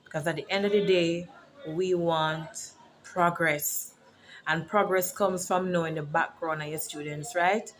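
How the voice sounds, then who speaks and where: A woman's voice: lowish voice, fairly even intonation, measured pace, a little hiss or hum. A woman from Jamaica with a Jamaican accent, a teacher and author talking casually to camera and explaining words like a lesson. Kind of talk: casual vlog.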